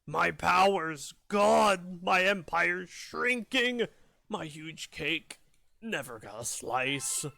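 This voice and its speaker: A man voicing a defeated male villain king, speaking slowly and mournfully. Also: high voice, animated, creaky, bright, forceful tone, dry recording, heavily acted. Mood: sulking.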